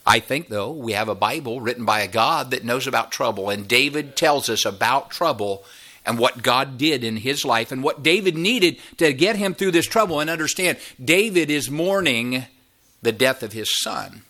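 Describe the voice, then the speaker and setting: Man, 50s, pastor; sermon delivery that swells high and sinks low, bright and pointed. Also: lively intonation, normal speed. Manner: preaching with sweeping rises and drops in voice.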